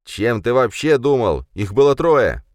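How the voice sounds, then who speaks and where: A man's voice: sits low, animated, no echo, studio quality, voice pushed up. A male narrator voicing an agitated young man who snaps and hisses sarcastic remarks. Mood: heated. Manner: heated, sarcastic, quick to snap.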